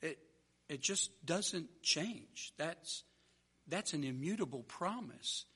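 A man's voice: a little high, expressive, slow pace, pushed and bright, husky. A man preaching a sermon, telling a story and then driving home his point with earnest, repeated phrases.

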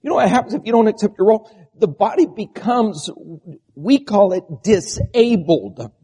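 Male preacher, sermon delivery. High-pitched, mellow tone, strained and bleating, lots of rhetorical questions and listing. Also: lively intonation, normal speed, husky. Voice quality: strained, quavering, bleating voice from a vocal disorder (spasmodic dysphonia). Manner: rhetorical questions and repeated lists. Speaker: preacher and church pastor.

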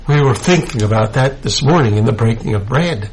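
A man preaching a sermon, slow and emphatic, building into fervent bursts. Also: medium pitch, lively intonation, rough recording.

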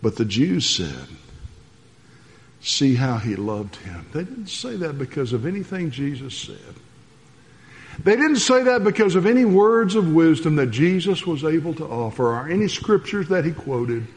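A man preaching a sermon, earnest, alternating between soft passages and rising emphasis. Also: on the high side, very animated, moderate pace, long reverb tail. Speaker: pastor.

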